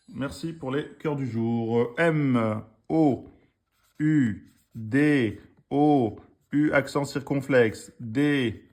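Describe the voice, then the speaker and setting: A man teaching Quran reading in during a live online lesson, patiently sounding out syllables again and again. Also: mid-range voice.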